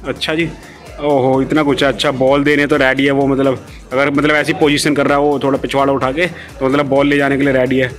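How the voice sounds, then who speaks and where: A man films a walking tour of a dog-friendly cafe with indoor and outdoor seating on his phone, explaining everything as he goes. His mid-range voice is level in tone and brisk, his chatter full of filler words, with faint music behind. It's a casual walkthrough vlog.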